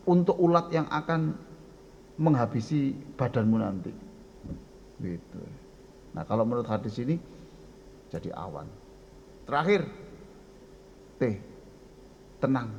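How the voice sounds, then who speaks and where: An older man with a Javanese accent preaching a lively sermon, often addressing his listeners directly and acting out voices. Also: medium pitch, highs cut off, a little hiss or hum. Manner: lively, addresses audience as "Pak", acts out voices.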